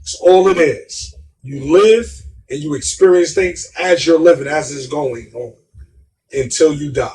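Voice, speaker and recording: Man, middle-aged, New York accent, high voice, emphatic casual talk, faint background noise. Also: unhurried, mellow, distant mic. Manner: emphatic, repeats himself. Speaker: guest.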